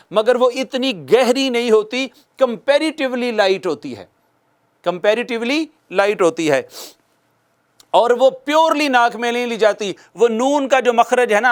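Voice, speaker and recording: Speaking in a very high voice, a man records a lesson on the rules of reciting the Quran. He answers his own questions, repeats the key points, and performs nasal sounds aloud as examples.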